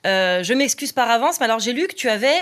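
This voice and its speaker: A woman interviewing a guest, asking playful questions with quick reactions. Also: on the high side, lively intonation, a bit bright.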